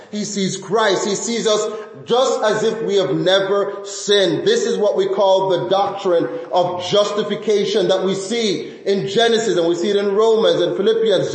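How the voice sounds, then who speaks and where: A man preaching a sermon to his congregation in earnest, repeating key phrases, with many fillers and restarts. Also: high-pitched. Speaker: pastor. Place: church sanctuary. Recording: echoey church hall.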